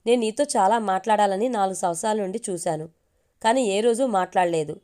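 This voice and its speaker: A man's voice: high voice, a little fast, darkish tone, smooth, close to an everyday voice. A woman voicing a restrained, tender young husband in an audio story. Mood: earnest.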